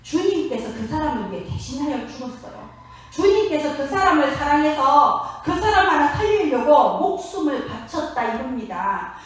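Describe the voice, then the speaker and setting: A woman pastor preaching a sermon, telling stories with lively emphasis and putting questions to the congregation. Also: high-pitched, moderate pace. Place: church sanctuary. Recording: echoey church hall, from far off.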